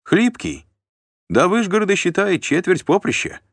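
A man playing a brash Varangian squad leader, loud and raised in pitch as he brags and mocks. The storybook delivery is close and dry. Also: sing-song, normal speed, breathy edge, no room sound, full character voice. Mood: mocking. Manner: loud, boastful, mocking. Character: gruff boastful male Varangian squad leader.

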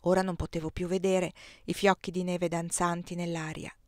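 A woman narrating a literary novel aloud in a measured, expressive reading voice. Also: fairly low pitch, no room sound, studio quality. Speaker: audiobook reader.

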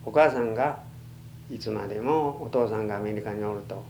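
Elderly man with western Japanese accent, halting. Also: lowish voice, darkish tone. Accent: western Japanese, Chugoku. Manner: halting, plain-spoken elder recollection. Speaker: oral history interviewee. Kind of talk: reminiscing in an interview. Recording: noisy archival tape with hum.

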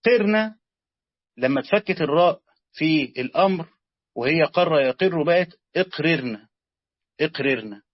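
A man with an Egyptian accent teaching a lesson, explaining slowly, repeating words and quizzing his students. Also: on the high side, dry recording. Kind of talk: classroom lesson on Quranic grammar. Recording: dull lo-fi sound, dry.

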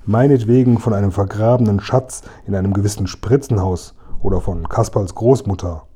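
A man reading aloud gives voice to a swaggering storybook robber who sneers at his captives. The tone is dark and husky, gloating and sure of himself. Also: on the low side, normal speed. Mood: menacing. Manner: taunting, sneering. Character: boastful gruff male robber, mocking.

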